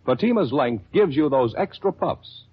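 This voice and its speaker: A man announcing in scripted 1950s radio style with a dramatic, emphatic, measured delivery. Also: on the high side, animated, husky. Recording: dull old radio recording over music.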